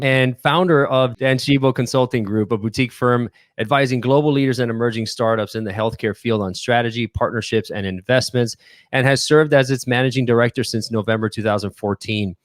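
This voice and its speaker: A man's voice: medium pitch, no echo. Upbeat male podcast host, dry studio. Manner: upbeat, scripted show intro. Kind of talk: podcast interview hosting.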